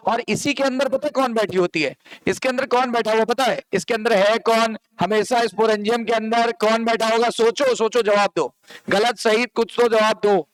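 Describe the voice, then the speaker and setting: A man's voice: high voice, smooth, dry recording, poor audio. A man teaching a biology lesson, asking students questions and answering them himself, explaining with everyday comparisons and repetition. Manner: quizzes students and answers his own questions. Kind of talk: classroom lecture.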